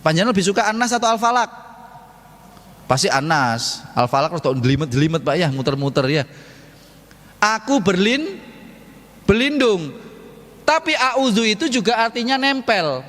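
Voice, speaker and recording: Male preacher, playful Q-and-A style, slightly high voice, long hall reverb. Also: sing-song, normal speed, long pauses, a bit bright. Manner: playful, asks the audience and answers himself. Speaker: ustadz giving a mosque study talk. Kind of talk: lively sermon with jokes to the congregation. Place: large mosque hall.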